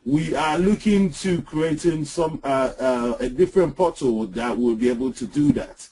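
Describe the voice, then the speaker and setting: A man's voice: on the high side, normal speed, warm tone, breathy edge, poor audio. A man co-hosting a marketing webinar, talking casually with many restarts and fillers. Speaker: webinar co-host.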